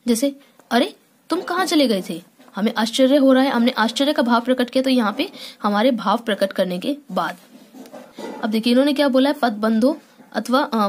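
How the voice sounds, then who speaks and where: A woman teacher explaining a grammar lesson step by step, pausing often with hesitations and checking in with her students. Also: a little high, slight background noise. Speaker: school teacher.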